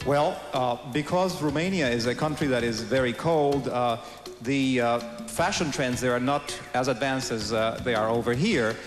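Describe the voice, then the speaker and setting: A man interpreting live on stage, somewhat halting in his delivery. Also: mid-range voice. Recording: echoey hall, music behind.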